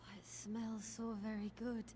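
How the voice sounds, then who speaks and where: A woman acts a meek, pious nun from a video game, fairly high-pitched and very slow. She is gentle and formal, heard from a distance through clear background noise. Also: completely flat delivery, close to an everyday voice. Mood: meek, apologetic.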